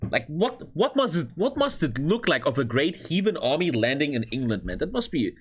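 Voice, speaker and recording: A man from Norway with a husky voice, giving casual, excitable live reaction commentary as a streamer and swearing freely. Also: a little high, brisk, slight background noise. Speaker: streamer reacting to a history video.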